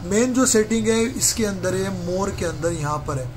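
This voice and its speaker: A man's voice: sits high, normal speed. A man casually walking viewers through a camera setup step by step in a phone repair workshop, talking to them like friends. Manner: chatty, addresses viewers as brother, step-by-step. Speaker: mobile repair technician. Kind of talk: casual how-to walkthrough. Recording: noisy room with street traffic.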